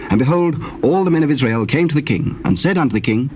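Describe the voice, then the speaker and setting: A man's voice: mid-range voice, lively intonation, a little mellow. Solemn male narrator on noisy tape. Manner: solemn, measured storytelling. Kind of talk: scripted narration of dramatized scripture. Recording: noisy cassette tape recording.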